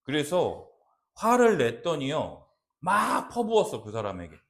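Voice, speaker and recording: A man's voice: on the high side, unhurried, creaky. A male pastor preaching a sermon, acting out quoted dialogue and asking the congregation rhetorical questions. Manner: animated, acts out quoted lines, asks rhetorical questions. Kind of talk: expository sermon.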